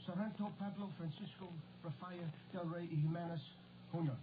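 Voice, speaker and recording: Man as high-voiced jovial sergeant, tinny old recording. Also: steady tone, moderate pace, natural voice. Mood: jovial, reminiscing. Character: jovial old-hand American cavalry sergeant telling yarns. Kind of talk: 1940s radio acting. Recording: noisy, thin, band-limited old radio recording.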